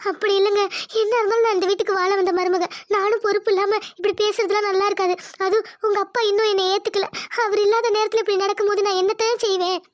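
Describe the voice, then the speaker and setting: Cartoon: a meek, tearful young village wife, very high and dry. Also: female voice, flat delivery, fast, no room sound, dull audio. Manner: pleading, polite, tearful.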